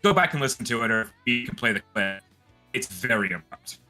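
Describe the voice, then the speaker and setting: A man with a bright, forceful voice talks in a casual podcast chat. He rambles excitedly, restarting sentences as his thoughts run ahead. Faint music sits under the talk. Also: mid-range voice, brisk. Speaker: podcast co-host.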